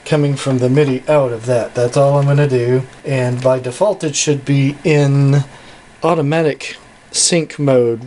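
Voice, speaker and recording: In his indoor home studio full of synths, a synthesizer reviewer gives a casual product review and demonstration, backed by synthesizer and drum machine music. His mid-range voice is a little mellow, with a little hiss or hum on the recording.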